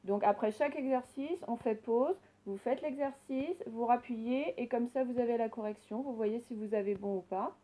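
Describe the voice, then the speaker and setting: A woman teacher recording a reading lesson for young children, slowly sounding out words and giving gentle instructions. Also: a little high, low-quality recording. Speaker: primary school teacher.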